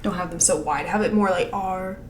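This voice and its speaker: A woman's voice: fairly low pitch, brisk, slight background noise. Woman mentor talking through animation notes, lots of um and like, roomy echo. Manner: rambling, filler-heavy, laughs often. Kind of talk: casual critique over a screen share.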